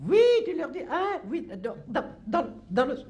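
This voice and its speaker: A man's voice: very animated, moderate pace, darkish tone, lo-fi sound. An actor playing a cantankerous, chatty old countrywoman, rambling and scolding in a live comedy sketch. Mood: grumbling. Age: over 70. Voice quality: shrill, quavering, cackling. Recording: live stage with audience laughter and noise.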